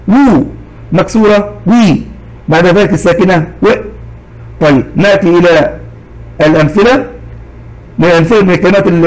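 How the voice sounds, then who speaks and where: A man teaching a recorded lesson to young children, slow and patient, saying each example word twice. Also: high voice, low-quality recording.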